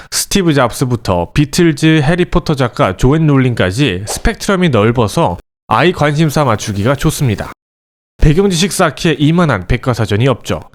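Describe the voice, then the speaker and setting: A man hosting an education channel, giving a scripted, animated explainer aimed directly at parents. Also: medium pitch. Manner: lively, animated delivery addressing parents directly.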